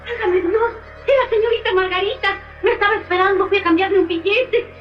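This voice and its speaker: An actress playing a flustered, excitable middle-aged woman who runs a street stall. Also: very high voice, brisk, far from the mic. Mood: upset. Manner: excitable, exclaiming. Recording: muffled old film soundtrack with echo and music.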